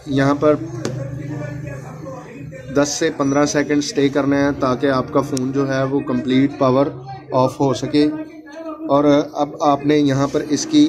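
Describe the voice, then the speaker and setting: A phone repair tutorial host with a medium-pitched voice talks viewers through a repair step by step, repeating each instruction as his hands work and addressing them as friends. It's a noisy home recording of hands-on tutorial narration.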